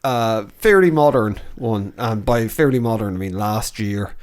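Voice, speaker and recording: An Irish man co-hosts a podcast in a lowish voice at a measured pace. The chat is casual, and he rambles, swears offhandedly and loses his train of thought.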